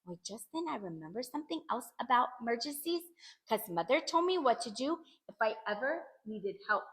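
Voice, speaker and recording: A woman reading a children's book aloud in an animated, expressive way, narrating in the first person. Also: on the high side, a little fast. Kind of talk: storybook read-aloud.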